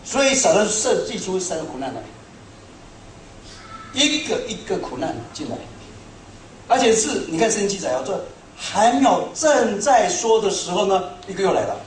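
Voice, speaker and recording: A middle-aged man preaching a sermon to a congregation, telling stories in an animated, self-mocking way. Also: high-pitched, moderate pace, a little hiss or hum. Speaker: pastor. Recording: echoey hall, speaker far from mic.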